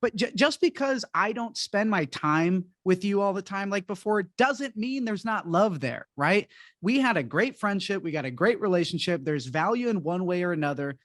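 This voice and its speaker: A man's voice: high-pitched, lively intonation, moderate pace, a bit bright, no echo, clean studio sound. A man hosting a podcast in casual interview talk, frank and conversational. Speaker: podcast host.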